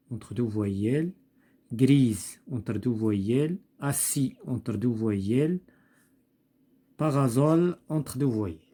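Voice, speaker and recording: A man with a Moroccan accent takes a lesson slowly, repeating each word and pausing over it. His voice is dark and a little husky. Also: mid-range voice. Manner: slow, repeats each word, thinks aloud with fillers. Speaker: teacher. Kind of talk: slow classroom explanation.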